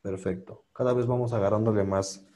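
Man, lowish voice, mellow tone, patient, repeats sounds over a video call. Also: steady tone. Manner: patient, repeats sounds slowly and stresses them. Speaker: English pronunciation teacher. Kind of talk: online class, coaching students one by one.

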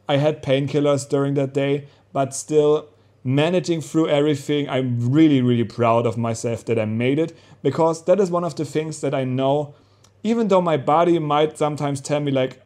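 Young man vlogging in a higher-pitched voice. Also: dark tone. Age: young adult. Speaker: vlog host. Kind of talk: casual personal vlog. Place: small rooms at home, indoors.

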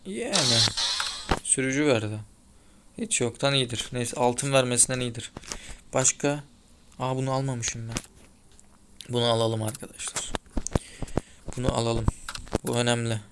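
Over loud engine and tire sounds from a racing game, a man commentates casually as a gaming YouTuber, talking to his viewers and grumbling while playing. He has a medium-pitched voice and speaks at normal speed, leaving long pauses.

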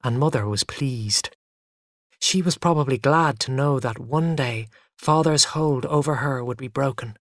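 A narrator telling a first-person story for English learners in a lively way. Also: mid-range voice, unhurried, no echo, clean studio sound.

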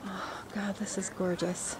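A middle-aged woman making soft, admiring remarks from a little off-mic on a travel vlog outdoors. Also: mid-range voice, level tone, a little slow, crowd noise. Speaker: vlogger's partner. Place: outdoors by a canal and on a mountain.

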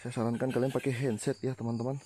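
A nervous man films himself on a ghost hunt outdoors at night, voice of middling pitch, tired and jumpy with frequent startled exclamations. Faint noise hangs behind him, with crickets and insects chirping in the dark. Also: level tone, racing. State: tired, worn out. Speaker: ghost-hunting vlogger. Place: outdoors at night among banana plants.

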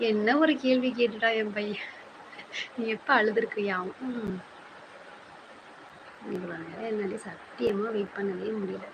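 A woman's voice: mid-range voice, fairly even intonation, measured pace, pauses often, lo-fi sound. Chatty Thanjavur Tamil woman live-streaming. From Thanjavur, Tamil Nadu. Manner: chatty, rambling, teases her son off to the side. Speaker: channel host on a live stream. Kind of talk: casual live-stream chat. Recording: noisy home live-stream audio.

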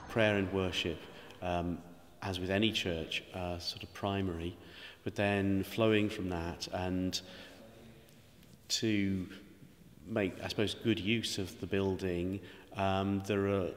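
Deep, flat-voiced middle-aged vicar. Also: male voice, takes it slowly. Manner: hesitant, many ums and uhs. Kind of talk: interview. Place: church interior. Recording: reverberant church with faint noise.

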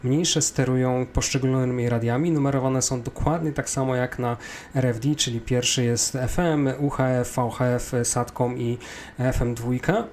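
A man with a Polish accent explains a flight simulator step by step, like an instructor in an unscripted software tutorial. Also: medium pitch, fairly even intonation, normal speed, a little hiss or hum.

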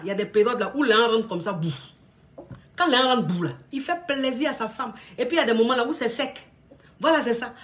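A woman relationship coach giving blunt, scolding advice to couples in a casual, lively monologue. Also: medium pitch.

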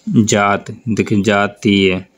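A man with a fairly low voice teaches a grammar class for board exams at a slow, deliberate pace. He draws out the example words and keeps prompting the students to look and answer. His accent is North Indian Hindi. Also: level tone, a bit bright. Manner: slow, drawn-out explanation with repeated prompts to look. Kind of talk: board exam grammar lesson.

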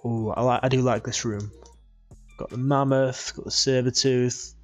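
A man's voice: mid-range voice, fairly even intonation, normal speed, faint music behind. A man hosting a gaming video with casual, playful gameplay commentary, chatty and jokey. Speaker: gaming channel host.

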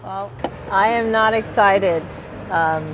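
A woman in her thirties co-hosting a casual fishing vlog, expressive and groaning outdoors on a boat and a dock. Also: medium pitch, slow pace, over music. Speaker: vlog co-host, fishing competitor.

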